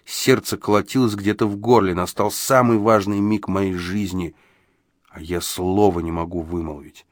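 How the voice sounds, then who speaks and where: A man reads a gothic novel aloud in the first person, steady and calm. His voice is low, and the recording is dry and close, with no room sound around it. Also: moderate pace, no room sound. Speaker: audiobook narrator. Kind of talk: scripted first-person narration.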